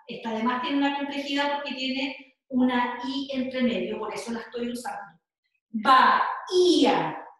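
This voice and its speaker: A woman's voice: high-pitched, a bit bright. A woman with a Chilean Spanish accent teaching an online class, explaining patiently and often checking in with her students. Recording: very echoey room.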